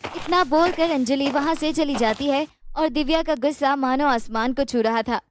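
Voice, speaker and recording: High-voiced woman narrating a story. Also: moderate pace, slight background noise.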